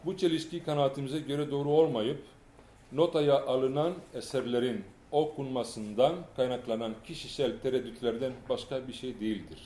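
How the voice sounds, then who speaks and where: A man lecturing in an echoey hall, his delivery measured and halting, pausing on fillers and correcting himself as he works through read-aloud material. His voice is mellow and dark at a middle pitch, and a faint hum sits behind him. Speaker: lecturer on music history.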